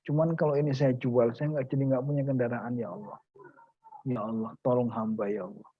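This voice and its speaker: A man's voice: mid-range voice, expressive, slow, breathy edge, narrow, tinny audio, full character voice. A man voicing a poor male preacher who pleads, anxious and distressed, in a sermon story. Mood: pleading.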